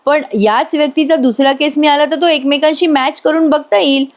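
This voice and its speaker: A woman's voice: sits high, fairly even intonation, a little fast, voice pushed up, natural voice. A woman voicing a polite, courteous middle-aged male doctor. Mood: relieved.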